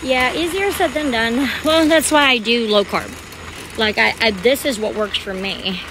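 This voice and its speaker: A woman's voice: fairly high pitch, moderate pace, noisy background. A woman vlogging as she shops in a large store, chatting to her viewers in a rambling, casual way. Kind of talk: casual chat while shopping.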